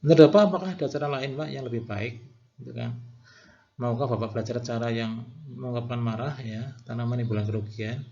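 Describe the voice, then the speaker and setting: A man's voice: mid-range voice, fairly quick, warm tone. Man lecturing nursing students, lo-fi. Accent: Indonesian. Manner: explains step by step, often acts out nurse lines to a patient; frequent fillers and self-corrections. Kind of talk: classroom lecture with role-play examples.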